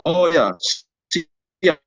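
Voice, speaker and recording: A man's voice: fairly high pitch, animated, very slow, fairly bright tone, no room sound, highs cut off. A man, a teacher at an online training, whose audio keeps breaking up over a weak call connection as he gives brief, ready replies. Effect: choppy audio breaking up over a weak call connection. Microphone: video call.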